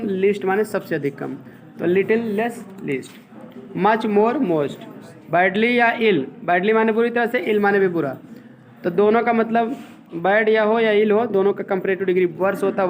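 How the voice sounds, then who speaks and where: High-voiced man teaching grammar. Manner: explains step by step, often checking with "ठीक है". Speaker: English teacher. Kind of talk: classroom grammar lesson.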